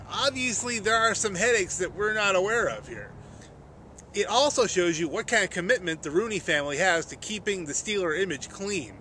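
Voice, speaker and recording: High-voiced and sharp, a middle-aged vlogger talks sports to a camera placed a short way off outdoors on grass. His commentary is chatty and emphatic, captured with noisy outdoor camera sound.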